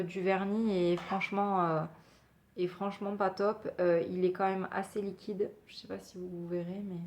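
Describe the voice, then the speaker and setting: Chatty woman reviewing nail polish. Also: mid-range voice. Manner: chatty, hesitant, many fillers. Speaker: beauty vlogger. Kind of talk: casual product review.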